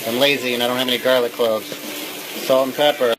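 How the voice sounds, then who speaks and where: A man's voice: mid-range voice, fairly even intonation, quick pace, noisy background. A man giving a casual, playful cooking demonstration in a home kitchen, loose and tipsy, swearing freely as he talks. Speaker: home cook hosting a cooking video.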